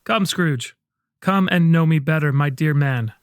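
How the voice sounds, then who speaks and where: High-voiced, jolly Ghost of Christmas Present acted by a man. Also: a little slow, clear, resonant tone, no echo, studio quality, close to an everyday voice. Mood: hearty, welcoming. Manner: grand, declamatory, hearty. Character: jolly, booming, kindly male Christmas spirit. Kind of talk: radio play acting.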